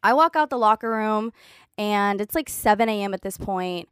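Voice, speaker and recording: A woman's voice: mid-range voice, moderate pace, smooth, no room sound, clean studio sound. A woman casually telling a long story, swearing freely and saying "like" constantly. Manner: profane, animated, heavy use of "like".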